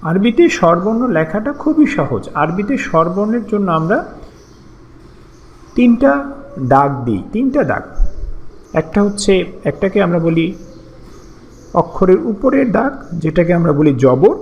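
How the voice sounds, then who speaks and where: A man with a high voice teaches a lesson at an unhurried pace, and his pitch rises and falls a great deal. He explains things patiently and slowly repeats each syllable so listeners can practise. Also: sing-song, darkish tone, dull audio, a little hiss or hum.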